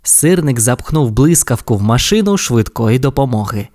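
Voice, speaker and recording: A male storyteller reading a children's audio fairy tale. His voice sits at an ordinary middle pitch but moves up and down freely. The delivery is expressive and warm toward young listeners. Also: normal speed.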